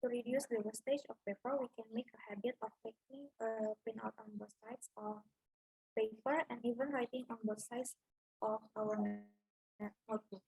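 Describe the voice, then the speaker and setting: A woman's voice: fairly high pitch, fairly even intonation, normal speed, vocal fry, dark tone, husky, no echo, low-quality recording. A young woman, a native Indonesian speaker, reading her part of a class presentation in English, listing points one by one. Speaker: student presenter.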